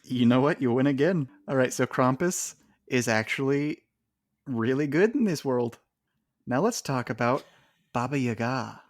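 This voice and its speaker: Male podcast co-host, easygoing and chatty, medium pitch, dry recording. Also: lively intonation, unhurried, dry recording. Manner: chatty, laughs between points while arguing. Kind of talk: casual chat.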